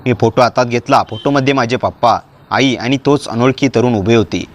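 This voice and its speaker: A man giving a steady, dramatic first-person narration of a story. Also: mid-range voice, brisk, slight background noise.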